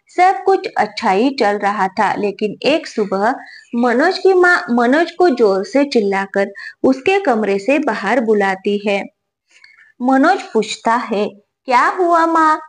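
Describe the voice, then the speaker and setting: Slow, steady woman storyteller. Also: a little high. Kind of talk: reading a moral story.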